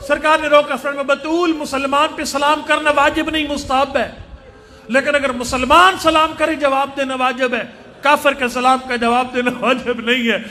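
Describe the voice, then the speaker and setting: A Shia orator delivers a mourning sermon at a mosque gathering, chanting and wailing as he speaks in Punjabi-tinged Urdu. His voice is extremely high, bright and forceful, with little movement in pitch. Crowd sounds and noise from the live gathering fill the recording.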